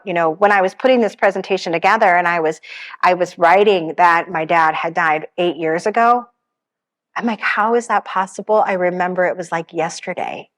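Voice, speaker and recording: In a funeral home seminar room, a gentle woman counsels grieving people as a grief counselor giving a seminar. Her mid-range voice stays reassuring while she tells personal stories and remarks that her voice is pretty strong. She addresses the audience in a conversational presentation.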